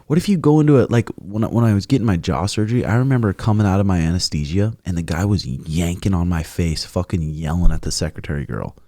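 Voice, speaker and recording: A man's voice: low-pitched, expressive, fast talker, few pauses, warm tone, no room sound, clean studio sound. A young man hosting a casual podcast, laid-back and crude, swearing freely. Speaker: podcast host.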